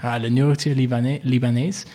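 A man's voice: medium pitch, little pitch movement, brisk, dark tone. A young man from England in his twenties, speaking French as a learner with an English accent, hesitant and full of fillers. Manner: hesitant, many fillers and repeated yes. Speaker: interviewee. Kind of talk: casual conversation.

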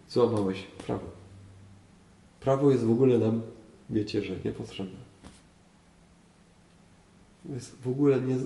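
A man's voice: mid-range voice, vocal fry, mellow. A man, a priest, teaching a group, often asking his listeners questions and repeating phrases for emphasis. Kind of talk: teaching talk on faith. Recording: roomy echo, voice from far off.

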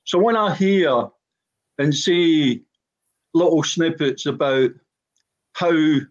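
A man's voice: fairly high pitch, takes it slowly, muffled recording. An older man from Glasgow with a broad Scottish accent, a former footballer talking bluntly about his life as a podcast guest. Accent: broad Glaswegian Scottish. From Glasgow, Scotland. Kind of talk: personal reminiscence on a panel talk.

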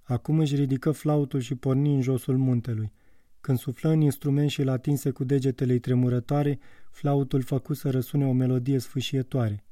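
A man narrating a literary audiobook in a measured, calm way. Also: mid-range voice, no echo, studio quality, distant mic.

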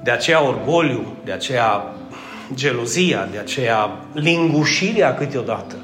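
A man's voice: mid-range voice, expressive, a bit bright, reverberant, soft background music. A man preaching a conversational sermon, joking and asking the congregation questions.

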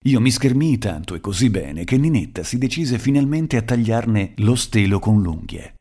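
Guy reading a story aloud, low voice, measured and expressive. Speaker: narrator. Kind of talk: scripted narration of a short story.

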